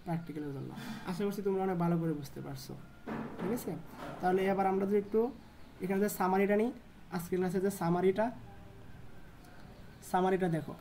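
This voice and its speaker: A woman tutoring electronics at a board, asking questions and answering them herself in a lower voice. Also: steady tone, fast, pauses often, mellow, slight background noise. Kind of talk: whiteboard lesson.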